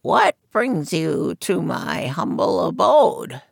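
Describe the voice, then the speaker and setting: A croaking old fortune teller, as a woman puts her on, mischievous and mysterious. She draws out each pronouncement slowly and theatrically, rising high and loud. The voice is gravelly and close, in a dry room. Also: very animated, no room sound, full character voice. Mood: mystical.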